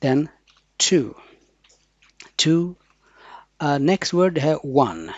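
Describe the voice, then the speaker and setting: Slow, dry-sounding male pronunciation teacher. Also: a little high, big pitch swings, dry recording, lo-fi sound. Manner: repeats words slowly, stretching each sound. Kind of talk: slow word-by-word pronunciation lesson.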